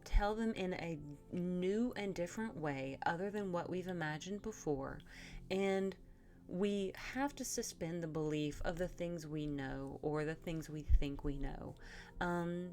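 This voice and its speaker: Slow, low-voiced woman reviewing a book. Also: a little mellow, faint music behind. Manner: thoughtful, meandering, many fillers. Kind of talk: casual spoken book review.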